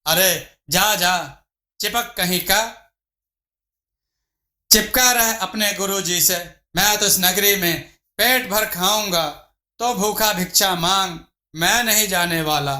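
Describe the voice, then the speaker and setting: A man's voice: sits high, takes it slowly, sharp tone, exaggerated voice. A man voicing a greedy, stubborn young disciple who talks in a cheeky, defiant way, in an echoey room. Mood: mocking.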